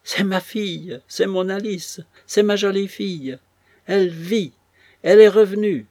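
A man's voice: expressive, moderate pace, darkish tone, dry recording. A man playing a frantic wailing old woman. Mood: ecstatic. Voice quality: wailing, shrill cries.

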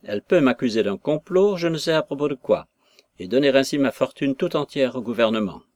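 A man playing a hot-tempered old father from a storybook, hurling indignant questions at his daughter. The voice sits at an ordinary middle pitch and is recorded dry and close. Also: animated, fairly quick, darkish tone, no room sound, lightly acted. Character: blustering, quarrelsome old country father.

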